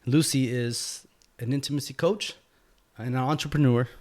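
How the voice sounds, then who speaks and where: A man's voice: medium pitch, normal speed, darkish tone. A man hosting a podcast interview in a guest's home, talking in a laid-back way with lots of fillers. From Mexican heritage. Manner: laid-back, filler-heavy, says "you know" a lot. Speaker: podcast host. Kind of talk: casual interview chat.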